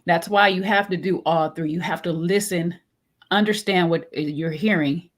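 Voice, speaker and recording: A woman co-hosting a casual chat, animated and laughing often, acting out both sides of an argument. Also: on the low side, normal speed. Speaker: co-host.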